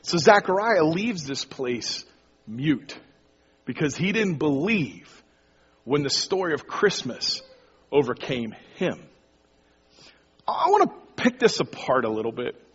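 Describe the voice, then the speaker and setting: A man's voice: fairly high pitch, very animated, slow pace, long pauses, breathy edge. A man preaching a sermon as pastor, talking casually and directly to his congregation. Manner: conversational, addresses the congregation casually. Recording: dull lo-fi sound with long hall reverb.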